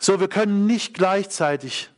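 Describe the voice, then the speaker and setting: A man's voice: sits high, a little slow. A middle-aged man preaching a sermon, emphatic, repeating key phrases and asking the congregation questions.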